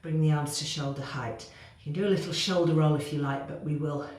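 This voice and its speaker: A woman's voice: low-pitched, steady tone, brisk, a little mellow. A woman fitness instructor cueing moves as she exercises along, growing out of breath. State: getting out of breath. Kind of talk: workout instruction. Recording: very echoey room, faint noise.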